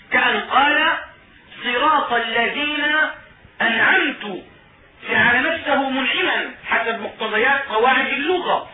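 A man explaining religious law in a lesson, spelling out sounds slowly and repeating his examples. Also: very high-pitched, noisy background. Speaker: lecturer on Islamic jurisprudence. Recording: roomy phone-quality recording of a distant speaker before an audience.

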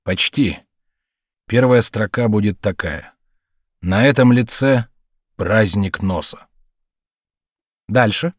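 A grumpy, lazy homeowner who speaks bluntly and grumbles, as a male reader plays him. His voice stays low and plain in a storybook. The sound is close and dry. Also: takes it slowly, long pauses, no room sound. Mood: deadpan.

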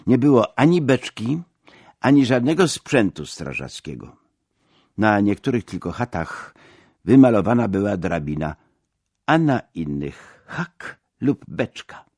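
A man's voice: on the low side, darkish tone, husky, no echo, clean studio sound. A man narrating an audiobook, telling the story expressively and dramatically.

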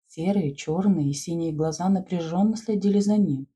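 A woman reading a story aloud in expressive storybook narration. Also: on the low side, moderate pace, breathy edge. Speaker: audiobook narrator.

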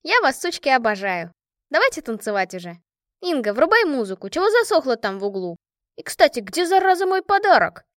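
A woman reading the part of a brash, loud, rough-mouthed young woman colonel in an audiobook, swearing fondly at her friends. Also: sits high, sing-song, fairly quick, no echo, studio quality, voice pushed up. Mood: rowdy.

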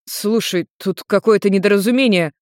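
A narrator voicing a confused blond male demon who speaks softly and wryly. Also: medium pitch, normal speed, no echo, clean studio sound, close to an everyday voice. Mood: defensive.

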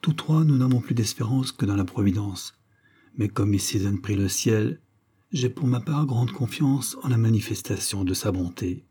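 A man's voice: lowish voice, expressive, moderate pace, mellow, slightly rough. A man voicing a grave, formal male secret-society master in an audiobook, speaking in a solemn, ceremonious way.

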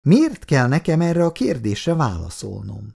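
A man reading aloud and voicing a caring, sensible teenage schoolgirl who speaks gently and earnestly to her friend. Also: medium pitch, wildly swooping pitch, vocal fry, husky, voice pushed up, exaggerated voice.

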